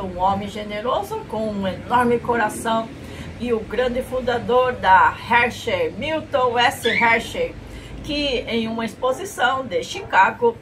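A woman's voice: on the high side, a bit bright. A middle-aged Brazilian woman presenting a food tasting vlog in a playful, exclamatory way, drawing out her words. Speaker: food review vlogger. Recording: clearly noisy room recording.

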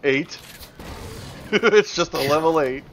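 A man's voice: on the high side, takes it slowly, crowd noise. A man hosting a multiplayer let's play, joking with friends and talking to the game as he plays. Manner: playful, joking, yells at the game. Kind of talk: casual multiplayer gameplay chat.

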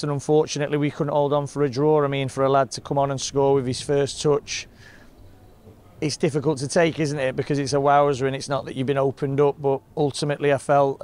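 A man, a football manager giving a measured, frustrated post-match interview outdoors. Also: medium pitch, a little mellow, clear, resonant tone. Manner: measured, frustrated, plain-spoken. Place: outdoors in front of a sponsor board.

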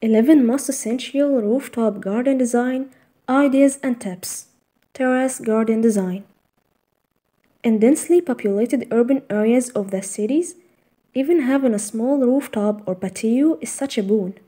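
A woman reading a scripted voice-over in a measured, even list-reading way, narrating step-by-step tips. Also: on the high side. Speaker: narrator of a garden design slideshow.

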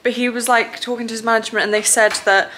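A woman's voice: on the high side, little pitch movement, fast talker, sharp tone, slight background noise. A young woman in her twenties telling holiday stories in a chatty, giggly way for her travel vlog. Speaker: vlogger. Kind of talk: casual travel vlog chat.

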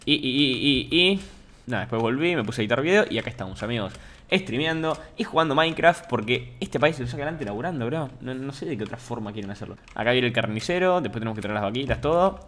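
A young man with an Argentine accent chatting casually on a gaming stream, joking with viewers and swinging from low mumbles to shouts. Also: expressive, fast talker, slight background noise. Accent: Argentine Spanish. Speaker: Minecraft streamer.

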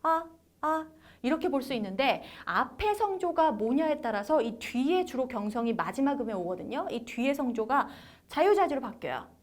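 A woman's voice: sits high, big pitch swings, normal speed, a little mellow. A young woman teaching beginner Chinese in an encouraging way, acting out tones by sliding her voice up and down. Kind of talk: lively language lesson for beginners.

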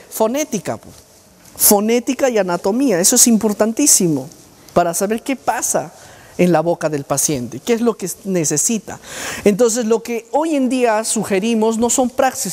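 A speech therapist gives a university lecture to students in an echoing hall, quizzing the audience and demonstrating speech sounds aloud. His voice sits high with a darkish tone.

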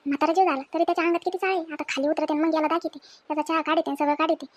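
A woman, acting as a sharp-tongued, fearless village woman in an amateur family skit, scolding and teasing in quick speech. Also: high voice, fairly even intonation, lightly acted. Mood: mocking.

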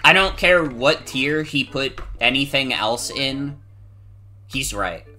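A game streamer chatting casually and commenting live in an animated, exclamatory way, with some swearing. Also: mid-range voice, slow.

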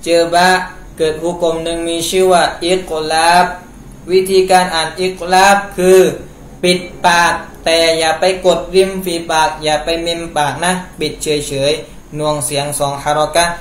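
Speaking at a normal pace with fairly even intonation, a man with a fairly high voice leads a recitation lesson on the Quran. He says a phrase aloud and patiently explains how it should be pronounced, one step at a time. Faint noise and echo fill the home room he's in.

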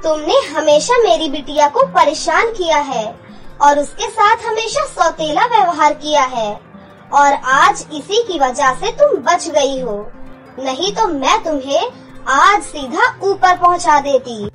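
Woman doing a loving magic mom, tender but stern, slow and high. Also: animated, a bit bright, soft background music, full character voice. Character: loving ghostly mother, gentle but vengeful.

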